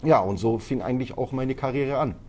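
With a mellow, medium-pitched voice and a slightly quick pace, this martial arts trainer, who grew up in Italy, talks casually as a podcast guest, hesitating often and leaning on fillers.

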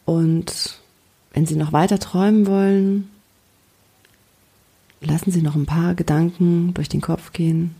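A woman coach leading a guided relaxation in a slow, soothing, gentle way. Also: fairly low pitch, fairly even intonation, gravelly, slightly rough. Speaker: coach and podcast host.

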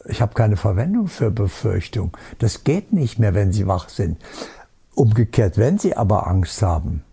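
A man giving a spiritual teaching talk, calm and certain, stressing his points with emphasis and rhetorical questions. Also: fairly low pitch, moderate pace, vocal fry, slightly rough.

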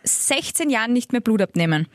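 Casting: chatty woman podcast co-host, slightly high voice, dry close sound. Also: fairly quick, no echo. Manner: chatty storyteller, swears casually, animated retelling. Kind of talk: casual chat.

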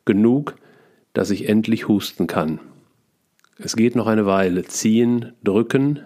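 A man reading his own memoir aloud in short, clipped first-person sentences, calm and steady. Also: lowish voice, a little slow. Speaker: author reading his book.

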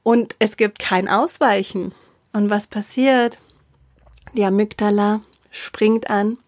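A middle-aged woman telling a personal story with emotion, haltingly, with fillers and restarts, often dropping to a whisper for emphasis. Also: fairly high pitch, dry recording, studio quality.

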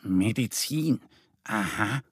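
A man's voice: on the high side, huge pitch swings, slow, vocal fry, pushed and bright, breathy edge, dry recording, studio quality, voice pushed up, heavily acted. A man voicing a curious little male bear cub in a children's audio story.

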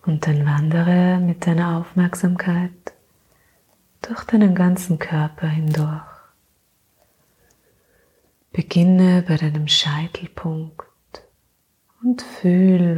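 Woman, soothing sleep-story style narration, hushed, mellow, lowish pitch, slow gentle phrasing. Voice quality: hushed, breathy, half-whispered. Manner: calm, gentle pauses between phrases. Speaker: guided meditation narrator and podcast host.

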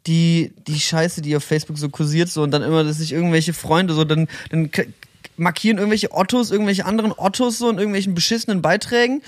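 A man's voice: a little high, steady tone, quick pace, dry recording. A man in his thirties co-hosting a podcast, chatting casually with swearing and slang. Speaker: podcast co-host.

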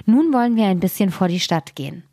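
A woman's voice: medium pitch, lively intonation, fast, warm tone, no echo, studio quality. Storybook dog, male, tired and hungry, plain and easygoing; woman reader. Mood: content.

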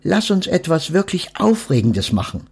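A man voicing a small, curious female duck in a storybook reading, raising his voice softly and asking many questions. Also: sits high, sing-song, normal speed, creaky, slightly rough, voice pushed up, heavily acted. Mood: curious, wondering. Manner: raised, soft questioning voice.

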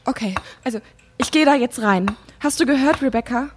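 A woman's voice: fairly high pitch, moderate pace, background noise, close to an everyday voice. A woman voicing a frightened young woman trapped in a deadly test, pleading and defensive. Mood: uneasy.

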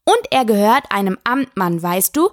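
A woman's voice: mid-range voice, sing-song, moderate pace, no room sound, clean studio sound, lightly acted. A woman voicing a polite, curious young girl who chatters eagerly and apologizes often.

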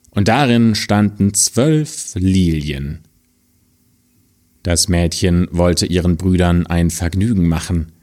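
A man reading an old fairy tale aloud in a low voice that rises and falls with lively expression. He takes his time, pacing every phrase slowly for the listener. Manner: slow, expressive storytelling. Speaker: storyteller.

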